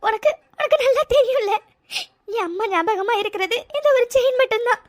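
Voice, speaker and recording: A woman's voice: extremely high pitch, fast talker. A woman voicing a sincere young woman in a cartoon, tearful and pleading, often repeating her words. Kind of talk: cartoon voice acting.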